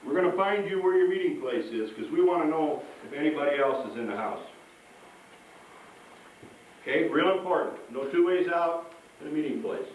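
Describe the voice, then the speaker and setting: Speaking to a room full of schoolchildren as a firefighter, a man delivers folksy safety instruction and regularly checks in with his young audience. He's expressive and on the high side, keeping a normal speed broken by long pauses. The narrow, tinny audio comes from afar in a large, very echoey space, with faint noise.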